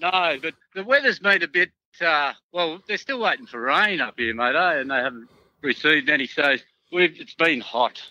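A man's voice: fairly high pitch, animated, normal speed, pushed and bright, no room sound, muffled recording. An Australian man as a podcast guest, chatting in a laid-back, friendly way. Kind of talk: casual chat.

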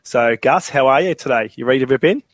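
A man's voice: mid-range voice, fast talker, no room sound. Laid-back man hosting a podcast. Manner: laid-back, laughs often, many fillers. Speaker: podcast host. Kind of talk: casual sports podcast chat.

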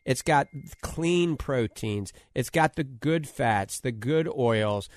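A man with a New Orleans accent giving an informal, radio-style health talk and product pitch, emphatic and repetitive as he lists his points. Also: lively intonation, slow pace, no room sound. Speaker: health show host promoting diet and supplements.

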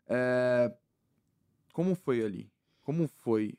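A man's voice: medium pitch, takes it slowly, darkish tone, smooth. A man with a Brazilian Portuguese accent hosting an interview, asking long, rambling, leading questions. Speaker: interviewer, host. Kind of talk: conversational interview.

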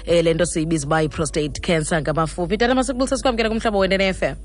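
A man's voice: high-pitched, fairly even intonation, racing, faint music behind. A man with a South African Xhosa accent, presenting and interviewing as a radio host.

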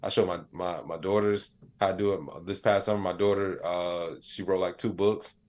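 A man in his late thirties, an AI educator and comedian, gives casual answers as an interview guest. His fairly low voice is steady and darkish, at a moderate pace. He explains things in plain, colloquial terms and sometimes acts out bits of imagined dialogue.

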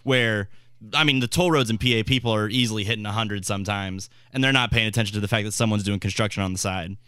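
A man's voice: on the low side, quick pace, bright, forceful tone, smooth, no room sound. A man on talk radio explaining in a conversational, matter-of-fact way.

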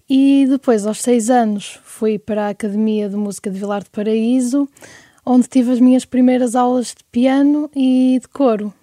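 A young woman with a European Portuguese accent talks in an easygoing, chatty way as a guest in an interview. Her voice sits a little high but sounds mellow and warm. The sound is close and dry, with no room echo. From Porto, Portugal. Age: 20s. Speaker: guest singer-songwriter. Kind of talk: casual interview chat.

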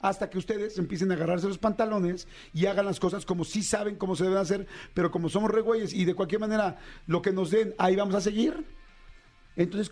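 A man's voice: high-pitched, darkish tone. A Mexican man hosting a podcast, talking in a passionate, rambling casual chat full of slang and repeated words. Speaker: podcast host.

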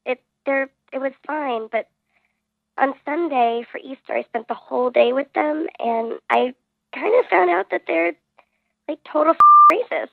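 A woman's voice: sits high, vocal fry. Woman caller behind a voice changer. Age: 30s. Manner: hesitant, halting speech. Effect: voice changer disguising her voice. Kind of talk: radio call-in. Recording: tinny phone line.

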